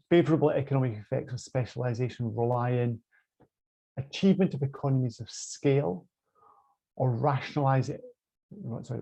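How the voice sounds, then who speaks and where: A Scottish man lectures over a video call, his voice gravelly and dark. He pauses often and restarts his sentences. The call audio sounds muffled and lo-fi. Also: medium pitch. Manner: hesitant, many fillers and restarts. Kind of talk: online law lecture.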